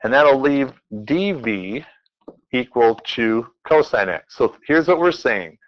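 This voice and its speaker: A man's voice: mid-range voice, lively intonation, slow, lo-fi sound. A man teaching a math class in a classroom, working examples aloud and playfully quizzing his students as he goes. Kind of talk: classroom lecture.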